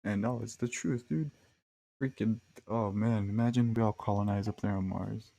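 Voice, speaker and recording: A young man on a podcast, talking in a loose, rambling way, full of slang and fillers. His voice sits fairly low, with a gravelly edge and a dark, mellow tone. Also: moderate pace. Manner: rambling, slangy, laid-back with frequent fillers. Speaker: podcast host. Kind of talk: casual storytelling monologue.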